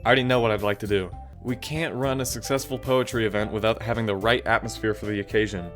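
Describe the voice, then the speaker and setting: Man voicing a soft-spoken obsessive girl. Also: lowish voice, fairly even intonation, fast, soft background music, close to an everyday voice. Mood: calm. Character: shy bookish teen girl turning obsessive. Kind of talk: reading game dialogue aloud.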